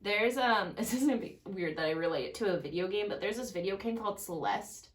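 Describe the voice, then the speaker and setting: A woman's voice: mid-range voice, fast. Chatty young woman laughing in an echoey room. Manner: chatty, laughs often, many "like" fillers. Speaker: YouTube reaction host. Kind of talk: casual reaction chat.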